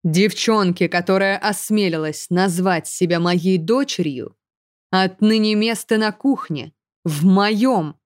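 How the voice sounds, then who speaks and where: A woman's voice: mid-range voice, slow pace, no echo, clean studio sound, natural voice. A woman voicing a stern, burly nobleman who gives cold, commanding orders in an audiobook.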